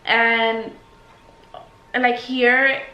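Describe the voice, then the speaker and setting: A woman's voice: on the high side, flat delivery, drawn-out words, pushed and bright. A young woman YouTube vlogger, tipsy and rambling in a casual Q&A chat, blunt and sweary. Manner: tipsy, loose rambling talk. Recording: echoey room with faint noise.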